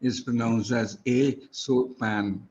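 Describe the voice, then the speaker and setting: A man's voice: medium pitch, steady tone, slow, darkish tone, breathy edge, muffled recording. A man teaching English pronunciation one-on-one, patiently spelling words out letter by letter. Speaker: English tutor.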